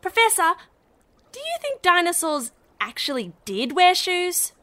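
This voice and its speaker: A woman plays a cheerful young kid in a children's science show. The voice is very high and bright, perky and eager, with lively swings in pitch. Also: unhurried, full character voice. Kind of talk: children's educational show acting.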